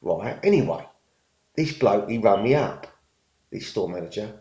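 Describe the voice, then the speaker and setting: A middle-aged man with a dark, mellow voice rambles through a casual story, circling back and repeating himself. He uses everyday working-class slang. The sound is dull and lo-fi and echoes around the room. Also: fairly low pitch, expressive, unhurried. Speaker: vlogger.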